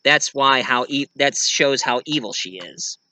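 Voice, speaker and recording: With a mid-range, expressive voice at a measured pace, this man sounds bright and forceful, though a little hiss or hum sits under the audio. He's a video creator and amateur writer chatting casually in a vlog, enthusiastically rambling about his own writing.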